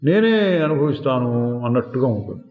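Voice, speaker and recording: A man giving a slow, deliberate spiritual discourse, asking rhetorical questions and singing lines of verse now and then. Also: medium pitch, very animated. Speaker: spiritual teacher. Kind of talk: satsang discourse. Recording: echoey hall, phone-like lo-fi sound.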